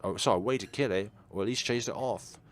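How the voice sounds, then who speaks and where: Over background music and slight background noise, a man reads visual novel dialogue dramatically as a game streamer. His voice is on the low side and fast, and he occasionally trips over words before correcting himself.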